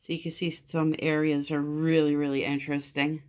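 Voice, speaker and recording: A woman's voice: sits low, flat delivery, normal speed, darkish tone. An American woman with a chatty, easily amused manner, narrating her acrylic pour painting in a casual video. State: recovering from illness. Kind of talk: casual art tutorial narration.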